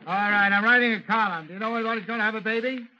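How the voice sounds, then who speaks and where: Blustering high-voiced man on old radio. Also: racing. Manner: blustering, grumbling asides. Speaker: comedy radio columnist. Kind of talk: 1930s radio comedy. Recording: old lo-fi radio recording with hiss.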